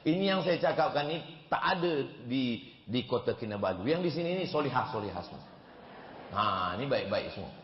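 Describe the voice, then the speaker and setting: A male preacher giving a sermon in a large hall, dramatic, slowing and rising for emphasis, with joking asides. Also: medium pitch, expressive, a little hiss or hum. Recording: echoey hall, dull sound.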